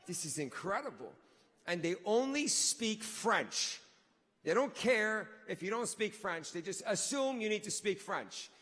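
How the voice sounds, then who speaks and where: A man with a high, bright voice tells a comic story as an event host. He talks in an animated way and acts out the voices and sounds. His voice rings through a large hall with a long echo.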